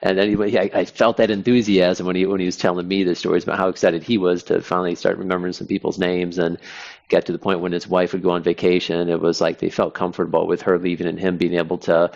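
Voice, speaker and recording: A man co-hosting a podcast in casual chat, speaking in a rambling, halting way with many restarts. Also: low voice, flat delivery, gravelly, a little mellow. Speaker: podcast co-host. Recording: dull, lo-fi sound.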